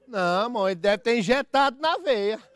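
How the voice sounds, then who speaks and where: Animated preacher man. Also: moderate pace. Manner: animated, mimics church members with comic voices; swings from soft low asides to loud proclamations. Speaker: pastor. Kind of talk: lively preaching sermon.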